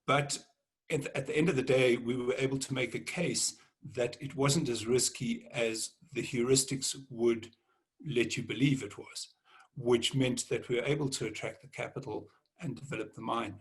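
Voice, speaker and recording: A man answering on a panel, halting and often repeating words as he thinks. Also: medium pitch, steady tone, slightly rough. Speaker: panelist, mining executive.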